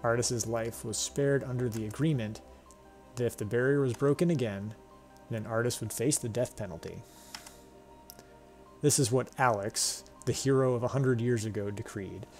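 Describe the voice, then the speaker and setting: A man's voice: medium pitch, moderate pace, darkish tone, close to an everyday voice. A man reading game lines as a boastful young male sword hero, grandiose and demanding, with faint music behind. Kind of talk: reading game dialogue aloud.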